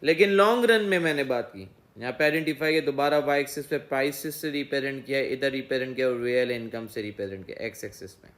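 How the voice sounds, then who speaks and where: A man's voice: medium pitch, quick pace, few pauses, a bit bright. A man teaching an economics lesson in speech, asking himself questions and answering them over and over. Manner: repetitive question-and-answer explaining. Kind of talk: recorded classroom lecture.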